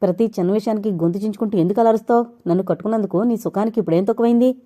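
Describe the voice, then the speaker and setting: A woman narrator voicing an angry young husband who drinks, shouting curt replies at his wife in an audio novel. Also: medium pitch, quick pace, close to an everyday voice.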